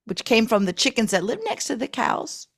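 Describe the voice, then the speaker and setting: A woman's voice: fairly high pitch, expressive, normal speed. A woman improvising a rambling guest who brags about pickling in a put-on Texas accent. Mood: folksy boasting. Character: boastful fake-Texan woman pickling expert. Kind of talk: improvised comedy podcast interview.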